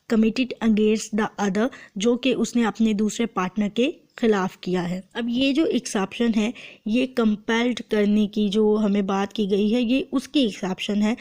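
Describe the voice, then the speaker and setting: A woman with a Pakistani accent delivers an explanatory law lecture, methodically translating formal text phrase by phrase and restating each point in a didactic way. Her voice is mid-range and slightly mellow.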